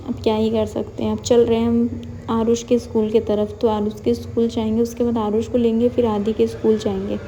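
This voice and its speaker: Flat, dark-toned woman narrating her day. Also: on the high side, brisk, few pauses, dull audio, slight background noise. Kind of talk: casual vlog narration.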